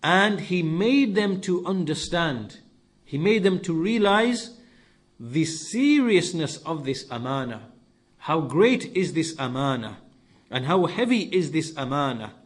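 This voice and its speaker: Explaining scripture in a lesson-style sermon, this somewhat high-voiced man speaks in a sing-song way. He moves through short, careful phrases, returning to key words to stress them as a teacher might.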